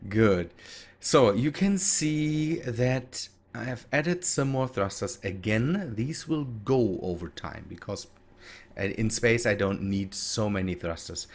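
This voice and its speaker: A gaming video host with a fairly low voice and lively intonation speaks slowly. German is his native language and he has a German accent, and his casual gameplay talk comes out hesitantly as he thinks aloud and corrects himself.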